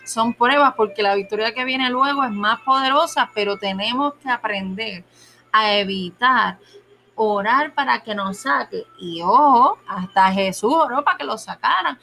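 Woman preacher, sermon, earnest, emphatic, rhetorical questions, slightly high, bright tone. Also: measured pace, creaky, slight background noise.

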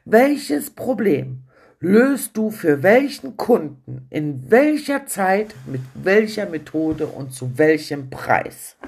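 A woman's voice: on the low side, very animated, slow, creaky, a little mellow, husky, exaggerated voice. A woman quoting her male marketing adviser, an impatient man firing insistent questions over the phone.

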